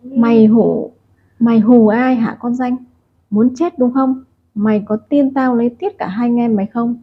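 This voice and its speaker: Woman doing a crude male gang boss, abusive threats, husky voice, tinny phone-like sound. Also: a little high, fairly even intonation, normal speed. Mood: menacing.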